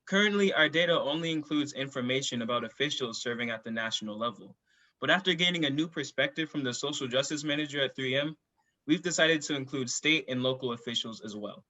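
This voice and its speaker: Young man delivering a rehearsed startup pitch. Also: quick pace, bright, forceful tone, low-quality recording. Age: teenager. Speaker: student presenter in a pitch competition.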